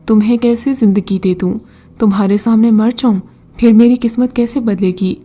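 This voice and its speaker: A woman's voice: fairly high pitch, fairly even intonation, mellow, soft background music, close to an everyday voice. A woman voicing a poor, desperate young man who pleads in a flustered way in a storybook reading. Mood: confused.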